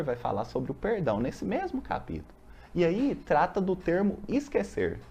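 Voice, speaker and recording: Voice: mid-range voice, a little mellow, a little hiss or hum. A speaker with a Brazilian accent leads a casual religious study group, reading a text aloud and explaining it with everyday examples and rhetorical questions. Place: meeting room of a university study group.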